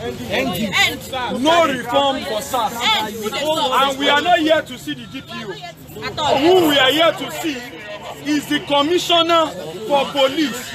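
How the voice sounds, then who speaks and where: A young man addresses a street protest outdoors, stating demands forcefully and repeating his key points, filmed on a phone. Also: very high voice, a little slow. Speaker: protest speaker. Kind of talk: public speech at a street protest. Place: outdoors on a city street under a bridge. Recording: crowd noise outdoors.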